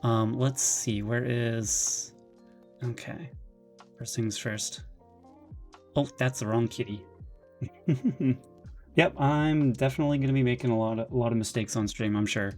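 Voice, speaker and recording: A man streaming from his bedroom, chatting casually, rambling and excitable, with lots of restarts and a slightly nervous, jittery edge. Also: mid-range voice, unhurried, long pauses, faint music behind. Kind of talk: casual live-stream chat.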